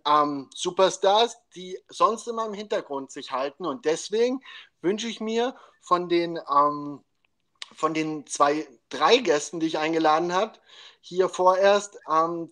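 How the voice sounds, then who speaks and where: A man's voice: sits high, pushed and bright. Upbeat, slangy male podcast host. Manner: upbeat, slangy, mixes in English phrases. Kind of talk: casual chat.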